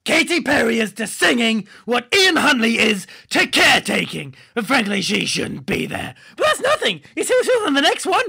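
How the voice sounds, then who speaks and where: A man doing a goofy, laddish superhero for a comic podcast, with a gravelly, rasping voice pitched high and bright. The talk rambles along and keeps bursting into excited shouts. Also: normal speed, hardly any pauses, exaggerated voice. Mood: rambling. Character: goofy laddish male superhero chatting about TV.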